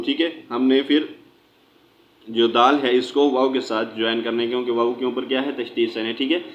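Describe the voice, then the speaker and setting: A man teaching Quran recitation, spelling out each syllable slowly and then explaining in quick asides, often checking with "theek hai". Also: mid-range voice, highs cut off. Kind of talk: slow spelled-out recitation lesson.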